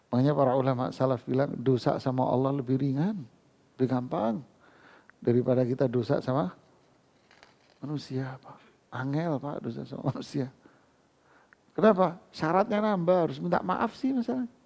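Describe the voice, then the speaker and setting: A man's voice: medium pitch, creaky, darkish tone. A man giving a casual Quran lesson in a mosque, talking conversationally and acting out little dialogues with his listeners. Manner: conversational, acts out dialogues, laughs often.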